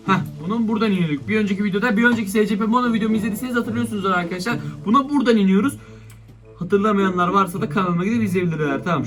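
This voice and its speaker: A young man with a Turkish accent giving excitable Minecraft let's-play commentary, breaking into exasperated outbursts at attacking monsters. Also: high-pitched. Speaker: gaming YouTuber.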